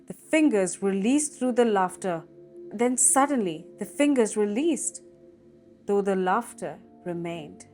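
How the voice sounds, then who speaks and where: A woman narrates a creepy tale in a slow, dramatic storytelling manner, leaning into the suspense. Her pitch sits at a middling level, and she takes her time with every line. Soft music plays faintly beneath her voice. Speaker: storytelling cooking channel host. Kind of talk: reading a scary story aloud.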